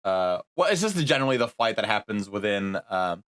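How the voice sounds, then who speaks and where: A man's voice: fairly low pitch, big pitch swings, a little fast, fairly bright tone, clean tone. A man hosting a podcast in casual chat, hesitant with many fillers as he moves the talk along. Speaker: podcast host.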